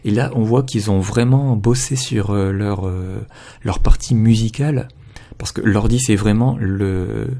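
A man with a fairly low, dark voice and a gravelly fry, chatting through an album review for his channel. He talks hesitantly, stopping often on filler sounds as he gathers his thoughts. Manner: hesitant, with frequent filler pauses. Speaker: video blogger reviewing albums. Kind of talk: casual spoken review.

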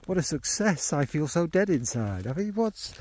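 Out walking the dog in the rain, a man who makes fragrance videos chats casually about his hobby, thinking out loud in a rambling, wry, self-questioning way. His voice is a little high and sing-song, at a moderate pace, with no echo.

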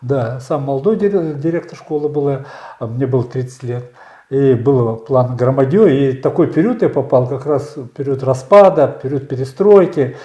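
A man in his sixties, a candidate answering interview questions in a measured storytelling way, often pausing with fillers. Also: mid-range voice, warm tone, echoey room. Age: 60s. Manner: measured, storytelling, frequent hesitations. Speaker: election candidate. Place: small bright studio.

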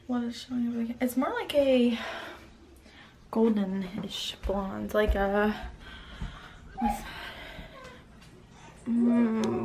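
A stay-at-home mom in her twenties chats casually to the camera at home, rambling and tired and often sighing between thoughts. Her voice is fairly high and a little mellow, with slight background noise.

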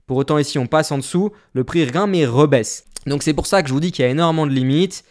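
A man's voice: fairly high pitch, quick pace, darkish tone. A man explaining a trading indicator step by step in a screen-share tutorial. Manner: explains step by step, plain and direct. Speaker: trading instructor.

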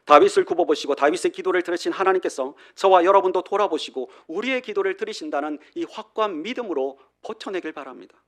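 A male pastor delivering an emphatic sermon, swinging between loud declarations and hushed endings. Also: high voice, fast, hardly any pauses. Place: church.

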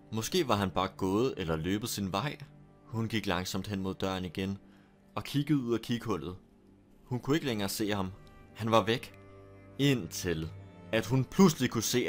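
Low-voiced man narrating a horror story. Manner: steady, deliberate storytelling.

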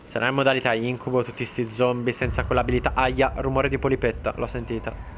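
A man giving casual let's play commentary, talking to the enemies on screen and shouting when startled. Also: medium pitch, fast, slight background noise. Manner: excitable, talks to enemies, shouts in alarm. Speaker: gameplay commentator.

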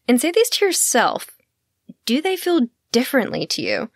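A woman's voice: sits high, sing-song, moderate pace, creaky, dry recording, studio quality. A woman hosting a self-help podcast, talking in a candid, blunt way and laughing easily between points. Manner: candid and blunt, swears casually; laughs easily mid-sentence. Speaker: podcast host.

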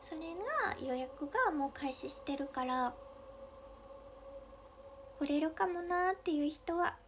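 A young woman with a Mie dialect accent, chatting casually on a livestream, giggling often and sometimes dropping into soft whispers. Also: sits high, expressive, unhurried, a little hiss or hum. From Mie Prefecture, Japan. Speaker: idol livestreamer.

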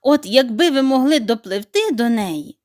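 A woman's voice: sits high, expressive, normal speed, a little mellow. A woman voicing a brave, loyal young male dog who speaks urgently and eagerly.

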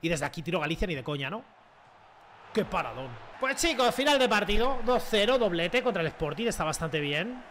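A young man commentating his own football video game play in a casual, slangy way, shouting when he scores. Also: sits high, brisk, a little hiss or hum. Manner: excitable, slangy, shouts at goals. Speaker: gaming youtuber. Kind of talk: live gameplay commentary.

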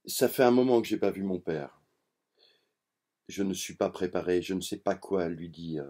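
A man reading a literary novel aloud in a measured, inward first-person narration. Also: sits low, darkish tone. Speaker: audiobook reader.

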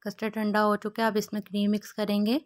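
A woman hosting a cooking channel, giving calm step-by-step recipe instructions as a voice-over. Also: mid-range voice, fast. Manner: calm, even instructions in short steps.

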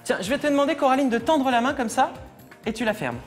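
A man's voice: extremely high pitch, animated, fast, faint music behind. A man performing as a stage magician, joking and teasing his volunteers with playful patter in a TV studio. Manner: teasing, playful, laughs often.

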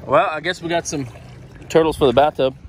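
A man's voice: fairly high pitch, a little fast. A man, chatting and joking casually while filming himself from a kayak on a lake. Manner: laid-back, joking, upbeat banter. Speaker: vlogger filming a family kayak outing. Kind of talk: casual outdoor vlog chat. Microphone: camera at arm's length. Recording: outdoor wind and water noise.

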